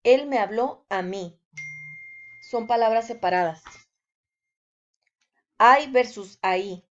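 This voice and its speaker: A woman, giving a scripted language lesson in a deliberate way, with example sentences. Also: a little high, lo-fi sound. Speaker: language teacher.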